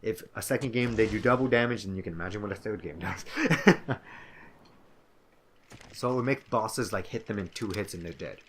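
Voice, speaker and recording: A man's voice: fairly low pitch, moderate pace, fairly bright tone, slight background noise. A young man co-hosting a let's play, rambling casually with lots of filler words and playful asides. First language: English. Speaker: co-host of a gaming let's play. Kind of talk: casual gaming chat.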